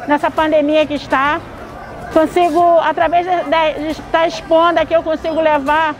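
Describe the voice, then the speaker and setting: A woman's voice: high voice, low-quality recording. A Brazilian woman artisan speaking hesitantly in an outdoor street interview at a craft fair. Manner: hesitant, halting. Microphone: lapel mic.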